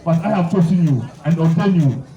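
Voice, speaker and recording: Preacher, high voice, echoey room. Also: male voice, animated, a little fast, gravelly, warm tone, far from the mic, lo-fi sound. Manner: prays blessings, then reads scripture aloud, repeating phrases for emphasis. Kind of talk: sermon with scripture reading.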